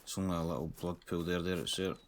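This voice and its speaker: A man giving casual, low-key commentary while playing a hunting game, thinking aloud. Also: flat delivery, fast, a little hiss or hum. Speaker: gamer.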